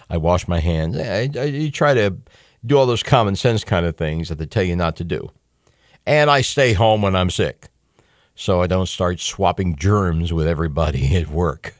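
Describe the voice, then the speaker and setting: A middle-aged American man hosts talk radio from a studio, delivering a casual, opinionated monologue with folksy, conversational flair and emphatic asides. His fairly low voice is captured on a close studio microphone, clean and free of echo.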